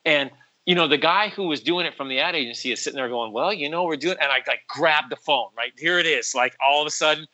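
A man with a bright, forceful voice tells a long story on a podcast, full of restarts and "you know"s. He jumps into lively raised voices when he quotes people. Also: on the high side, fast, highs cut off. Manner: rambling with many fillers and restarts. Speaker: podcast guest, musician and voice actor. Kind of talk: casual storytelling chat.

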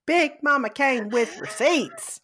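A woman's voice: high voice, animated, takes it slowly, a bit bright. A woman hosting a podcast in casual chat, talking in a chatty, hedging way and laughing easily. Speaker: podcast host.

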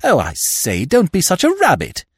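Man voicing high-pitched excitable young swell, chatty, storybook, close dry mic. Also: moderate pace, husky, no room sound, full character voice. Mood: pleading. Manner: eager, chattering, high-spirited. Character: excitable, breezy young upper-class Englishman.

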